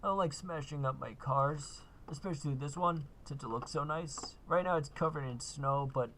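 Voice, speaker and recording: A man's voice: on the high side, normal speed, a bit bright, slight background noise. A man giving a laid-back, casual gameplay walkthrough, full of uh and kinda. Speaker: gaming video host.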